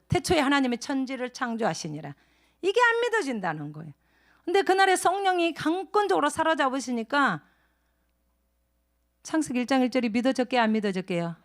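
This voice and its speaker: A middle-aged woman shares a testimony at a church training session. Her voice has a gravelly edge. She tells the story in a lively way and acts out the quotes. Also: high-pitched. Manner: lively storytelling, laughing often, acting out quotes. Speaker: church lay minister giving testimony.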